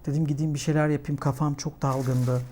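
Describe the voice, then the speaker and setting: Talk as a young woman chatting to your followers over a meal at home, clip-on mic, and tell it with animated drama that climbs higher as you get worked up. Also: a little fast, a little hiss or hum. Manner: animated, dramatic storytelling that climbs in pitch when agitated. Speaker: mukbang vlogger. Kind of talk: casual chat while eating.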